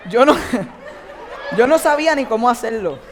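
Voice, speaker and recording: A man's voice: very high-pitched, lively intonation, moderate pace. A man, preaching a sermon in a conversational way and speaking straight to the congregation. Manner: conversational, addresses the audience directly. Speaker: pastor. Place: church auditorium with an audience. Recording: long reverb from a large hall.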